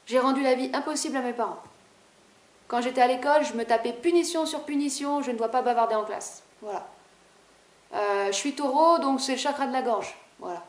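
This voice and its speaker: A woman spiritual vlogger speaks to camera fast and animatedly, with a high-pitched voice and a casual, rebellious attitude. The audio is reverberant.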